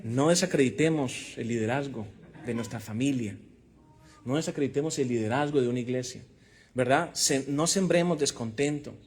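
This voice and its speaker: A man with a medium-pitched, slightly mellow voice and a breathy edge speaks at normal speed. He is a preacher teaching a Bible class to a congregation, delivering a sermon-style lesson emphatically with rhetorical questions and calls of amen.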